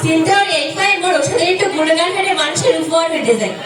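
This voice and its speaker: Young woman playing a loud, high-pitched Barisal street barker. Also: fast talker. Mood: boastful. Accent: Barisal Bangladeshi. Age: young adult. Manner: declamatory, sing-song, repetitive patter. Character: brash, boastful roadside hawker of cure-all tonic. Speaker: student performer in a stage act. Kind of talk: loud carnival barker sales pitch, comic stage monologue. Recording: echoey hall, distant mic, crowd.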